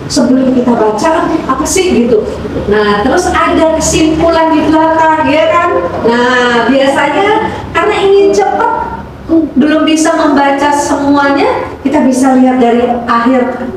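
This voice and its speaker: A woman's voice: sits high, measured pace. A woman teacher leading an interactive, conversational lesson, often asking questions and checking that listeners follow. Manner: asks questions and checks understanding with tags. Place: echoey room, recorded from a distance. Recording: very echoey room, distant mic, clear noise.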